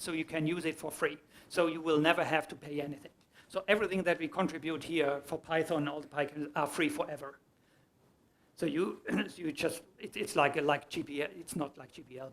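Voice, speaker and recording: A man's voice: a little high, fairly bright tone. A man giving a conference talk, explaining his answers to audience questions and often restarting his sentences. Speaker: conference speaker. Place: conference hall.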